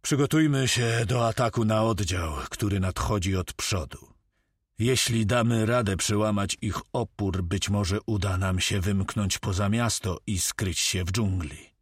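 A man's voice: on the low side, unhurried, husky, no room sound, clean studio sound. A man voicing a grim pirate captain who gives firm commands. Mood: commanding.

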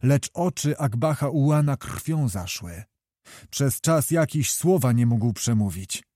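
Mellow male audiobook narrator. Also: mid-range voice, animated, a little slow, no room sound, studio quality. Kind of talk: scripted narration of a historical novel.

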